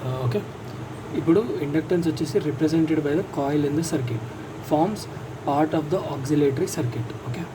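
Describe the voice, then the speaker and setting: Picked up on a distant mic amid vehicle noise, a Telugu-accented teacher with a slightly high voice walks students through a circuit diagram. His casual lesson blends English terms into Telugu; he asks his own questions, answers them, explains in steps, and slows to dictate English sentences.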